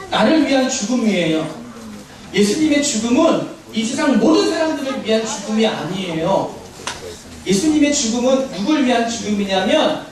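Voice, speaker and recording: A man, a children's pastor, giving a lively children's sermon and asking the kids questions. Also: very high voice. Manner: animated, talks directly to children with questions. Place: church sanctuary. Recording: echoey church hall, mic at a distance.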